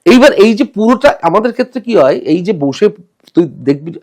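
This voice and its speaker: A man's voice: sits high, brisk. A man, a theatre director as podcast guest, explaining his rehearsal methods animatedly and mixing in English terms. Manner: animated, acts out quoted dialogue. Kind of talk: podcast conversation.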